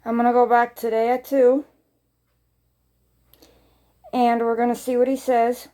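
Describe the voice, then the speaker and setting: A woman talks casually to her viewers as a vlogger. Her voice sits fairly high yet has a very relaxed, dark-soft tone. She rambles along and circles back, repeating short phrases to make her point. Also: unhurried.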